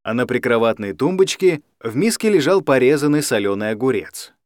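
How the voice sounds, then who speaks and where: A man narrating an audiobook in an expressive storytelling manner. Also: medium pitch, a little fast, no room sound. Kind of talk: scripted narration. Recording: dry close studio sound.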